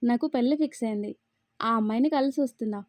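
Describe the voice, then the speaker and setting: A woman with a slightly high, darkish voice reads a storybook quickly, sounding close to everyday speech in a dry recording. She voices a young man bantering with his best friend, chatty and full of jokes.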